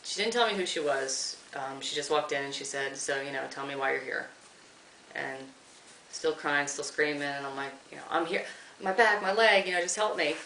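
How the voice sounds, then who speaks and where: Woman, interviewee, halting and emotional, bright voice, recorded from afar in an echoey room with faint hiss. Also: low voice, far from the mic. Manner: halting, emotional, quoting others. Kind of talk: recounting an experience in an interview.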